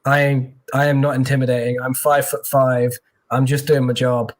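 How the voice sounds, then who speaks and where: Guy recruiter talking loosely over a video call, um-ing a lot, middle pitch. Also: little pitch movement, moderate pace. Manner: chatty, many fillers and restarts. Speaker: tech recruiter guest. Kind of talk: casual interview talk.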